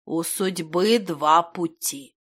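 A grim old wizard speaks in a dry, curt and reproachful way, slow and unfriendly. A woman plays him in an audiobook reading. He gives short answers with no warmth. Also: lowish voice, steady tone, close to an everyday voice. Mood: stern. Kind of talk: audiobook character voice.

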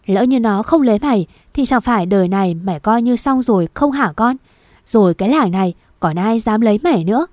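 A woman's voice: mid-range voice, animated, a little fast, no echo, studio quality, close to an everyday voice. A woman voicing a furious scolding father. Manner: shouting, scolding, threatening. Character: harsh angry village father, middle-aged man.

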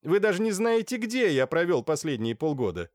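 A man's voice: on the high side, sing-song, brisk, a little mellow, no room sound, clean studio sound, pitched above the performer's own voice. A man voicing a handsome, sarcastic young nobleman with a haughty manner. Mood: mocking.

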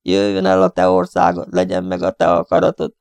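A man voicing a panicked young airman praying aloud in a shrill, high voice over the radio. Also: big pitch swings, gravelly, a little mellow, no echo, full character voice. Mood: desperate.

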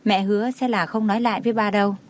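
A woman reading the lines of a gentle, patient young mother in an audiobook, in a soft, soothing way. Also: mid-range voice, steady tone, quick pace, lightly acted.

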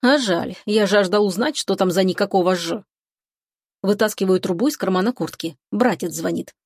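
A woman's voice: mid-range voice, moderate pace, no echo, clean studio sound. A woman narrating a first-person novel as an audiobook, with a wry, mocking tone. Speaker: audiobook reader.

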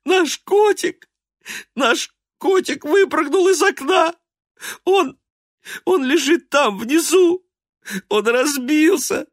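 A man voicing an excitable little girl in a storybook, shrill and eager. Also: measured pace, slightly rough, no room sound, clean studio sound, exaggerated voice. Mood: sobbing.

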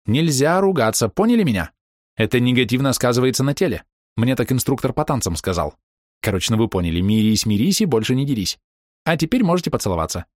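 A man reading an audiobook, voicing an excitable, gushing young woman gamer who squeals. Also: medium pitch, quick pace, no echo, studio quality, voice pushed up. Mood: excited.

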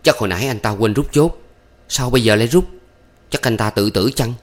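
A man's voice: mid-range voice, brisk, natural voice. A man reading a story, voicing a young village man who scolds and hurries his lover. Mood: worried. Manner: urgent, scolding.

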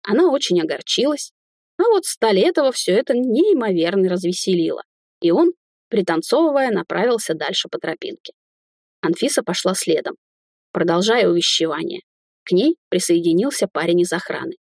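A woman's voice: lowish voice, sing-song, moderate pace, darkish tone, no echo. Woman reading an audiobook, dry sound. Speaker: audiobook narrator. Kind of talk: scripted narration.

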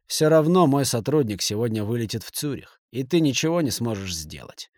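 A man's voice: mid-range voice, lively intonation, brisk, no room sound, studio quality, natural voice. A man reading an audiobook, voicing a nervous, spiteful banker who snaps back tensely.

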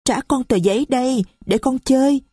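A woman's voice: high-pitched, normal speed, mellow, husky, no echo, clean studio sound, voice pushed up. A woman voicing a shy, polite little girl in an audio story, with a timid, childlike manner. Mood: innocent. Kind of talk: audiobook reading.

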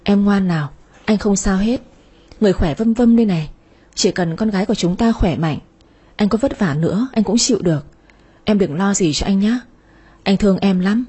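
A woman voicing a devoted, hardworking young husband who speaks gently and reassuringly in an audio story. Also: mid-range voice, moderate pace, long pauses, breathy edge. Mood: soothing.

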